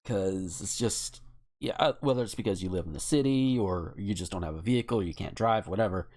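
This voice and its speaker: A man with a low, darkish voice talks a little fast as a podcast co-host. His casual chat is rambling, wry and opinionated.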